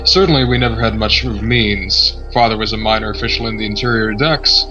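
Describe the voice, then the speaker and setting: A man reads a letter from a visual novel dramatically, voicing a proud, bitter young nobleman from a poor family. His delivery is formal, solemn and resolute, with a lowish, brisk, pushed and bright voice. The audio is dull, with music clearly audible behind him.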